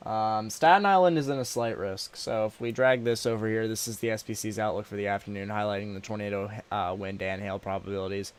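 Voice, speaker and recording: Low, clear-voiced man with a sore throat. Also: fairly even intonation. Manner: informal, halting, addressing viewers as y'all. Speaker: weather livestream host. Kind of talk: live weather commentary, casual and unscripted.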